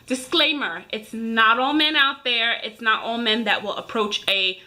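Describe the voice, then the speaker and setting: Her voice sits on the high side, bright and forceful, and she talks a little slowly. A woman in her thirties, she's casually and emphatically ranting to viewers, vlogger-style.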